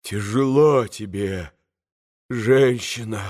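Male narrator's impulsive anguished young man, raised pitch, drawn-out pleas. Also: darkish tone. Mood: desperate. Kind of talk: audiobook character reading.

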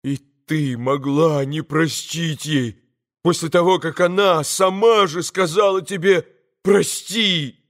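Male narrator's impulsive anguished young man, raised pitch, drawn-out pleas. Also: a bit bright. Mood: desperate. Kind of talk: audiobook character reading.

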